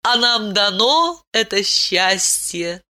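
A woman voicing an ancient princess who is stern yet tender and speaks in a high, commanding, sing-song way. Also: expressive, slow pace, pushed and bright. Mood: regal, tender.

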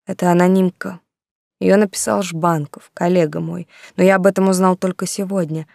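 A woman reading an audiobook, voicing a grown man who apologizes calmly and with restraint. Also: fairly low pitch, normal speed, gravelly, no room sound, studio quality. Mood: restrained. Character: calm grown man, gently apologetic lover. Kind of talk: audiobook dialogue.

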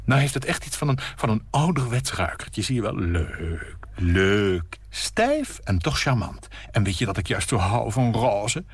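A man's voice: lowish voice, sing-song, measured pace, hardly any pauses, slightly rough, full character voice. Man putting on a gushing, fussy housewife. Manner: gushing, fussy, drifting mid-sentence. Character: chatty 42-year-old housewife, gushing. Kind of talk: radio story reading.

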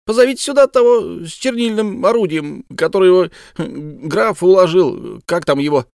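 A man reading an audiobook, voicing a shrill, hysterical female bird who screeches in outrage. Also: animated, normal speed, gravelly, darkish tone, no room sound, clean studio sound. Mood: shrieking outrage. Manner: screeching, indignant.

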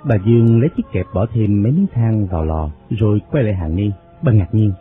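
Male audiobook narrator, lowish, steady and measured, phone-quality audio with faint music. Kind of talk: scripted novel narration.

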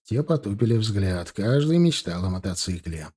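Man narrating an audiobook, dark voice. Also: fairly low pitch, very animated, moderate pace, slightly rough. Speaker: audiobook reader. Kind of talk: scripted narration.

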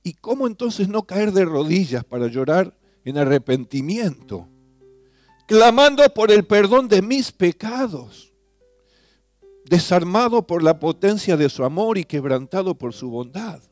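A man leading a guided devotional meditation, earnestly addressing the listener with questions, his voice swelling on key phrases and falling soft at line ends. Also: high-pitched, lively intonation, a little slow, dry recording. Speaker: preacher. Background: soft guitar music.

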